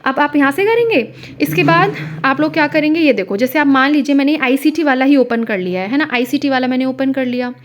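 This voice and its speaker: High-voiced woman coaching exam prep. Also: fairly quick. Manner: chatty, repeats "है ना" and "ठीक है" to the listener. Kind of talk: screen-share lesson talk.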